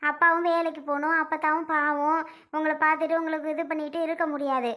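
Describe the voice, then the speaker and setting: A woman's voice: high-pitched, little pitch movement, a bit bright. A woman playing a bossy middle-aged aunt who scolds and persuades a young father in a family skit. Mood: persuasive. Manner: scolding and persuasive, rapid and insistent.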